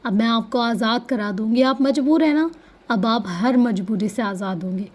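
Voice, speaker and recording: A woman voicing a bitter, vengeful young woman who shouts and then goes cold and clipped, in a storybook reading. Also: fairly high pitch, natural voice. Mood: furious.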